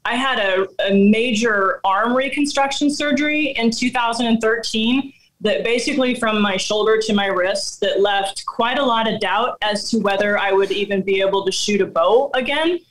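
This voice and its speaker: A middle-aged woman, telling a personal hunting story in casual chat, animated and often laughing. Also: a little high, moderate pace, poor audio. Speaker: guest hunter.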